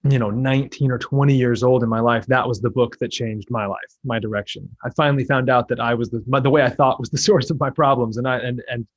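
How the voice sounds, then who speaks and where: A man's voice: medium pitch, fairly even intonation, fast, hardly any pauses. An enthusiastic man hosting a podcast, often repeating himself and restarting as he speaks. The recording sounds a little dull and lo-fi. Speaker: podcast host. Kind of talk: casual interview chat.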